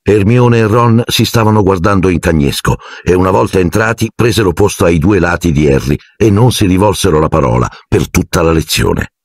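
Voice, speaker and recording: A man narrating an audiobook in an expressive, measured storytelling manner. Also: deep voice, dry recording. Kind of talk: scripted narration.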